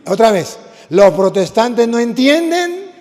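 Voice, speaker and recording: Priest, forceful repetitive preaching, high voice in a reverberant church. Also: male voice, sing-song, slow pace. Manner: emphatic, repeats lines for the congregation. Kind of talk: sermon.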